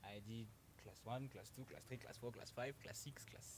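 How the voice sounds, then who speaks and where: A man's voice: mid-range voice, normal speed, noisy background. A young man from Cameroon, a guest talking casually in an interview, polite, laughing often and restarting his sentences.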